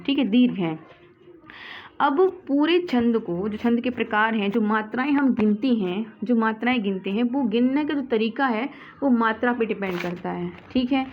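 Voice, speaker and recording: Higher-voiced woman teaching grammar, self-quizzing. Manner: asks questions then answers them, repeats "ठीक है". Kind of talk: classroom explanation. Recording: slightly dull audio with faint background noise.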